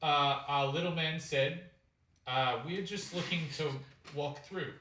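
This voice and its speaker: A man playing a big, bumbling, friendly adventurer in a tabletop game, halting and fumbling for words. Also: on the high side, sharp tone, slight background noise. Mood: hesitant, friendly. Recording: echoey room, far from mic.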